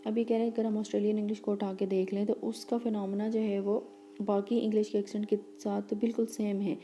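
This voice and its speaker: A woman teacher giving a lecture, reading English lines slowly and explaining them quickly in between, with fillers and restarts. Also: mid-range voice, flat delivery, mellow, slight background noise.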